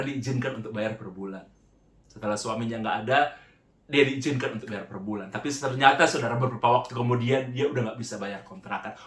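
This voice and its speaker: Delivering an emotional sermon, a male preacher tells a story, frequently stopping and restarting his words while addressing the audience as "saudara" again and again. His voice is medium in pitch and reverberant.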